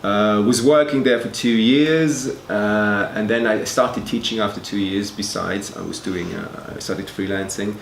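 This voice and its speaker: Responding to interview questions, a fashion school's education director from Switzerland, a man in his forties, hesitates and repeats words often. He speaks low and at a measured pace with a creaky voice, hardly pausing. There's echo and faint noise.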